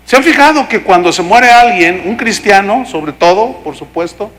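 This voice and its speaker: Lively Mexican man preaching. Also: sits high, normal speed. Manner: animated storytelling, acting out voices. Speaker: pastor. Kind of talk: sermon.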